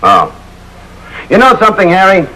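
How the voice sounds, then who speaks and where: An actor playing a harried middle-aged suburban father in a 1950s sitcom, talking in a pleading, lively way. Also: high-pitched, moderate pace, heavily acted, poor audio. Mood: earnest. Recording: old TV soundtrack with faint hiss.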